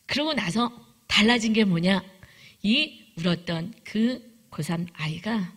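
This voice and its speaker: A woman's voice: mid-range voice, animated, takes it slowly, fairly bright tone, slightly rough. A woman preaching a sermon testimony, telling a story vividly and acting out the prayers and voices she quotes. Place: church sanctuary.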